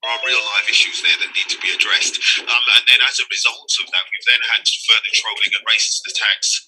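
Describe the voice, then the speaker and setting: A man giving interview answers, earnest and animated, repeating words as he searches for them. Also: fairly low pitch, brisk, husky, rough recording. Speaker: party leader interviewed.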